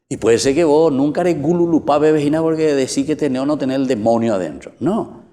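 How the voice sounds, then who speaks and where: Paraguayan priest preaching in a reverberant church. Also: male voice, mid-range voice, dark tone. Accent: Paraguayan Spanish. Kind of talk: sermon.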